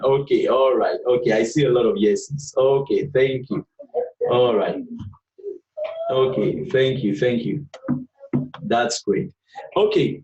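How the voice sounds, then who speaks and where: A trading instructor teaches beginners in a live online class, patiently going over each point, repeating himself, and checking in with the group with frequent "okay"s. His medium-pitched voice is a little mellow. He sounds distant from the mic, surrounded by roomy echo.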